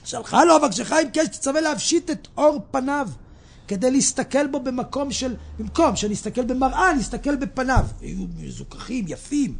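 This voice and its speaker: Very high-voiced man preaching dramatically. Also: gravelly. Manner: swings between hushed murmurs and shouts. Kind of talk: dramatic sermon retelling a midrash.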